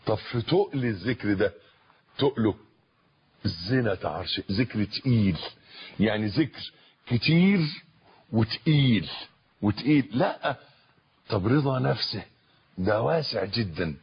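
A man with an Egyptian accent preaching a sermon in a husky voice, repeating phrases and building to loud emphatic peaks. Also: on the low side, animated, measured pace, long pauses, highs cut off. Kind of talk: Islamic sermon in colloquial Arabic.

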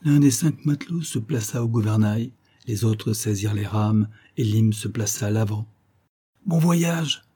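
A man reading a classic novel aloud as scripted narration in a steady, dramatic manner. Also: on the low side, normal speed. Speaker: audiobook reader.

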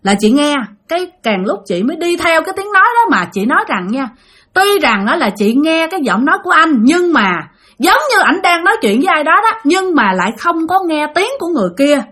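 A woman with a Southern Vietnamese accent narrates a ghost story, chatty and talking right to her audience. Her voice sits high and swings widely up and down as she tells it. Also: fairly bright tone. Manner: chatty, addresses listeners directly.

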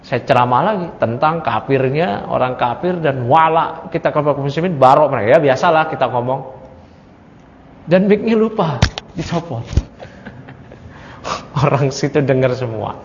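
A man teaching an Islamic study class, lecturing in an animated way and firing rhetorical questions at his listeners. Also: mid-range voice, moderate pace, long pauses, slight background noise. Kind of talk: study-circle lecture on a creed text. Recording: echoey hall, dull lo-fi sound.

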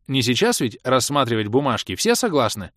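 A man's voice: mid-range voice, big pitch swings, fairly quick, a bit bright, no echo, studio quality, voice pushed up. A man voicing a domineering baroness in an audiobook, barking and commanding. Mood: placating, commanding. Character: domineering baroness, a noblewoman leader. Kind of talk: audiobook character voice.

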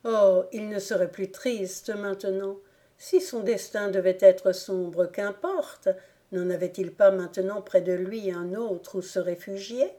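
A woman reading a classic novel aloud as an audiobook narrator, in a slow, deliberate manner. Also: mid-range voice, fairly even intonation, mellow. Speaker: audiobook reader. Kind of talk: scripted narration.

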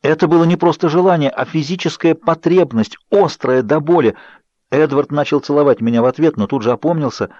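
A man reading an audiobook as scripted narration, expressive and measured. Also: fairly high pitch, dry recording. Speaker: audiobook reader. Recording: dull, dry studio audio.

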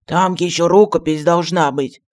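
A man voicing a pompous, excitable old male genie who served as a royal astrologer, grandiose and quick to take offense, in an audiobook. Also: on the high side, close to an everyday voice. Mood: grumbling. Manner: grandiose and touchy, flares up fast.

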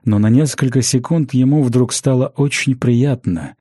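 A man narrating a fantasy audiobook in a measured, even storytelling manner on a close studio mic. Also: mid-range voice, husky, no echo.

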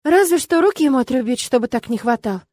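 A woman's voice: high-pitched, animated, fast, darkish tone, pitched above the performer's own voice. A woman reading an audiobook, voicing a defiant young woman who answers in a sarcastic, snappy way.

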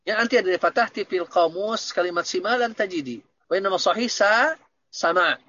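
A man's voice: sits high, fast talker, bright, forceful tone, muffled recording. A man teaching Arabic grammar in an online lesson, patiently explaining and checking that students understand.

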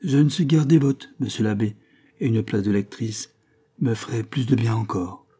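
A man's voice: lowish voice, moderate pace, mellow, breathy edge. A man voicing the heroine, a proud and irritable young woman, in a read-aloud novel. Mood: sulky.

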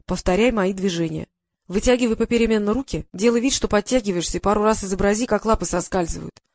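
A woman's voice: mid-range voice, fast, a little mellow, no echo, natural voice. A woman doing a whiny male actor. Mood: complaining, scornful. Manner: complaining, scornful.

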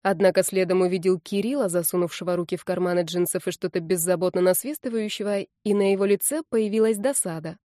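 Woman narrating warmly, mellow voice. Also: on the low side, quick pace, hardly any pauses, no echo, studio quality. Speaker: audiobook narrator. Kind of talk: first-person novel reading.

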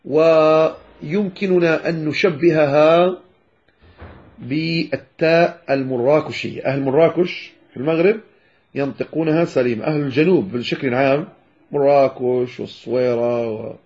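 A man's voice: fairly high pitch, darkish tone. Man teaching tajweed, dull recording. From Morocco. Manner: addresses listeners as brothers, demonstrates sounds slowly. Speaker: Quran recitation teacher. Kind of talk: tajweed lesson explaining pronunciation.

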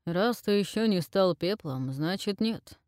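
A woman voicing a gruff male hunter who speaks tersely and matter-of-factly. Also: mid-range voice, animated, unhurried, darkish tone, dry recording, studio quality, close to an everyday voice. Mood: dry.

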